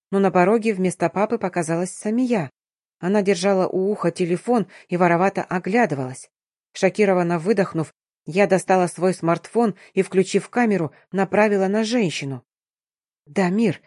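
A woman's voice: on the low side, brisk, darkish tone, dry recording. Woman reading an audiobook, dry close sound. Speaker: audiobook narrator. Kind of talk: first-person scripted narration.

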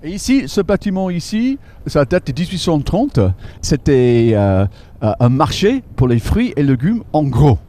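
A local guide leads a walking tour outdoors on a city street, explaining the sights. His dark voice is a little high and very animated, and he speaks haltingly, searching for French words amid many fillers.

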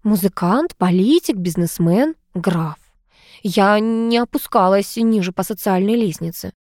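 A woman's voice: medium pitch, unhurried, darkish tone, no echo, clean studio sound, lightly acted. A woman voicing a flamboyant, much-married society aunt who chatters dramatically in an audiobook. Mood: gushing.

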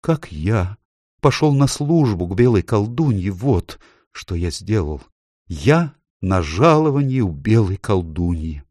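A man voicing a gentle, sorrowful male faun who sobs out his guilt in a storybook reading. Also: fairly low pitch, sing-song, takes it slowly, no echo, clean studio sound, heavily acted. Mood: sobbing. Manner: sobbing, mournful.

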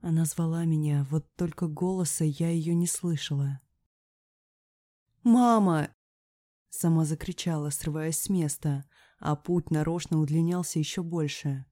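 A woman reads a first-person story aloud in a low, mellow voice, recorded close and dry. Her delivery is emotional, sinking into hushed whispers and rising into anguished cries. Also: steady tone, normal speed, hardly any pauses, no echo. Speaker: audiobook narrator. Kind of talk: first-person dramatic audiobook reading.

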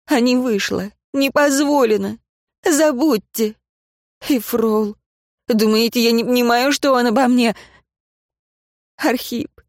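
A woman's voice: a little high, darkish tone, dry recording, studio quality, close to an everyday voice. A woman voicing a proud noblewoman teacher who speaks in a clipped, defensive way. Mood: anguished.

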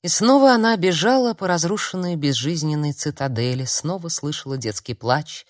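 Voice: medium pitch, expressive, moderate pace, no echo. A narrator giving a dramatic, varied audiobook reading, recorded close to the mic. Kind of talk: audiobook reading of a dark fantasy novel.

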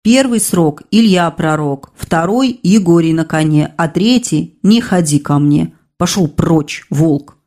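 A man's voice: a little high, lively intonation, a little mellow. Woman putting on a drunken weepy soldier. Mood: mumbling. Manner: slurred, slow mumbling. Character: drunken weepy male soldier, befuddled and belligerent.

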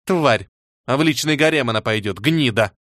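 A man's voice: medium pitch, lively intonation, normal speed, a bit bright, no echo, studio quality, lightly acted. A man reading an audiobook and voicing a fierce, bitter teenage girl who swears harshly.

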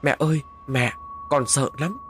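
A man's voice: fairly high pitch, unhurried, a little hiss or hum, voice pushed up, natural voice. A man voicing a frightened young village boy who pleads and cries out in panic, in a spoken horror story. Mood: pleading.

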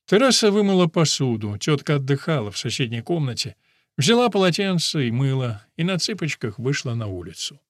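A man's voice: on the high side, big pitch swings, a little fast, dry recording. Male audiobook narrator, dry studio sound. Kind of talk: scripted narration.

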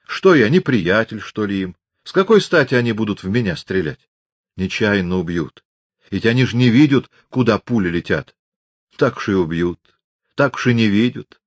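A man's voice: on the low side, animated, moderate pace, no room sound. A stubborn old peasant widow, nosy and scolding, with a folksy way of talking, played by a man narrating a novel. Her voice rises and falls a lot. It sits close and dry on the mic.

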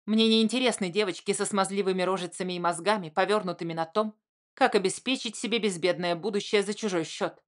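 A woman's voice: mid-range voice, fast, close to an everyday voice. A woman voicing Zhenya, a blunt, angry adult man who argues defensively.

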